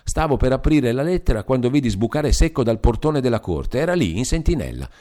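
A man's voice: a little fast, natural voice. A man reading an audiobook, voicing a bold, fiery young wife in a raised, scornful tone. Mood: feisty. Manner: lively, scornful, raised pitch. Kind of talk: audiobook character voice.

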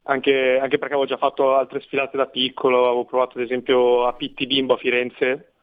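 Over a narrow, tinny phone line, a man in his late teens answers interview questions casually. His voice is of medium pitch for a man. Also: monotone, a little fast. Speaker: fashion model, interview guest. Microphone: phone call.

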